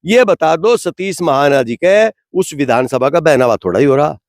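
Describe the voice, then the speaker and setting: Brief: fired-up man, high voice, dry sound, rhetorical and indignant. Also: expressive, moderate pace, a little mellow, dry recording. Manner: rhetorical, indignant, repeats "bhai". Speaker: interviewee from the community. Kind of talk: impassioned street interview.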